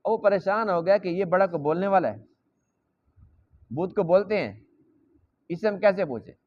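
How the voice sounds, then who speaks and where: A man with a high voice gives a Quran lesson sermon in a mosque. He explains patiently, repeating key phrases and acting out each side of a dialogue. The recording is dull and lo-fi. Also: animated. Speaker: mosque preacher teaching Quran.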